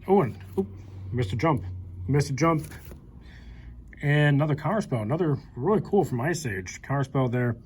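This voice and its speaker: Here the host's medium-pitched voice is animated and moves at a normal speed, broken by long pauses. He's a young man casually naming cards from an old collection as he pages through it, cheerful and talkative, with a little hiss or hum from the handheld camera mic.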